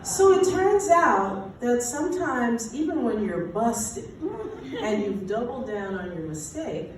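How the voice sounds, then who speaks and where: Animated woman storyteller, echoey and distant. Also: fairly high pitch, slow, noisy background. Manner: animated, acts out her own past dialogue. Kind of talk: live storytelling. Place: stage at a live story event. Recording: very echoey, from far off.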